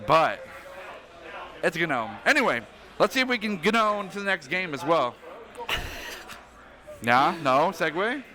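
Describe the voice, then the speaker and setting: Bright, joking male esports caster. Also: fairly high pitch, big pitch swings. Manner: joking, playful, quick asides. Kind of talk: casual esports desk banter. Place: studio caster desk. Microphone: desk microphone.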